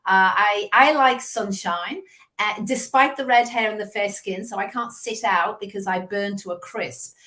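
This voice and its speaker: On a casual video call interview, a guest sales coach in her fifties, English with a Liverpool accent, tells stories at a measured pace. Her mid-range voice is chatty, with lively asides along the way.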